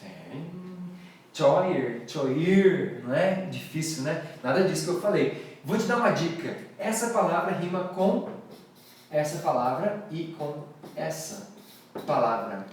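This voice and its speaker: A man's voice: a little high, sing-song, moderate pace, distant mic, slight background noise. A Brazilian man teaching English pronunciation live, playfully repeating words for his students to echo. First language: Portuguese.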